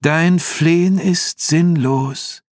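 Man putting on a slow, cold demon king. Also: mid-range voice, husky, dry recording, clean studio sound, pitched above the performer's own voice. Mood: scornful.

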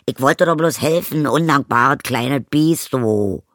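A man voicing a crude, greedy stepmother, loud and mocking, in an audiobook. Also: mid-range voice, sing-song, moderate pace, dry recording, studio quality, voice pushed up. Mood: yelling. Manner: loud, sneering, mumbling with a full mouth. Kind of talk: audiobook character voice.

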